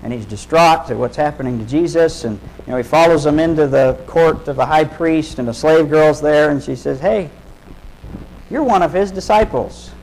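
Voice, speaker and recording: A man's voice: fairly high pitch, fairly quick, hardly any pauses, a little mellow, a little hiss or hum, rough recording. A man preaching a sermon, retelling a story in casual, vivid terms and putting direct questions to his listeners.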